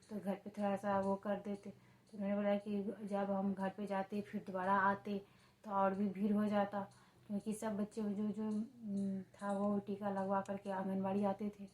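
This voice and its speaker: Hindi speaking mom vlogging about her day, pretty flat monotone voice, repeats herself a lot. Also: medium pitch, rough recording. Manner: talks to her baby in a sing-song, playful tone; plain, flat and repetitive when telling the story. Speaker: vlogger, mother. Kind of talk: casual home vlog storytelling.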